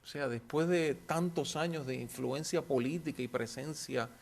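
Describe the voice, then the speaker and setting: A man's voice: on the high side, moderate pace, gravelly. A man, lecturing informally and answering questions in an anecdotal way, often seeking agreement with short tag questions.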